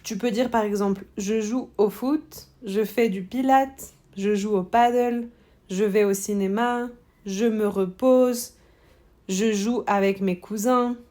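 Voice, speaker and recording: A woman teacher leads a French exam-prep lesson at an unhurried, measured pace. She switches between explanations and model answers, saying each answer slowly and often twice so students can follow. Her pitch sits in a middle range. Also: fairly even intonation, warm tone. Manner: slow, deliberate, repeats model answers.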